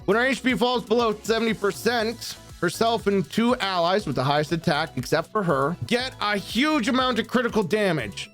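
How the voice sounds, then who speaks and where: A man's voice: sits high, a bit bright. A young man giving casual, blunt commentary on a game tier list, reading skill text aloud and reacting with the odd swear. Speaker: gaming YouTuber ranking characters.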